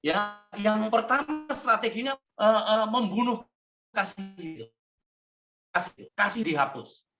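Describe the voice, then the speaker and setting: A man's voice: high voice, animated, slow pace, music in the background. A male pastor preaching emphatically at a workshop for youth and parents, acting out quoted voices. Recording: echoey hall, far from mic.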